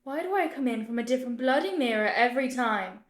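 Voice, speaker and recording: A high, sneering ghost queen rules the scene, as a woman plays her. She speaks with imperious scorn in a puppet stage play. A roomy echo hangs on the voice. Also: expressive, fast talker, natural voice. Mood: haughty, scornful.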